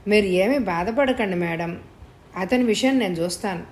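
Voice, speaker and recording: A woman's voice: medium pitch, moderate pace, close to an everyday voice. A woman reading the part of a scheming, suspicious young man who asks incredulous questions in an audio story.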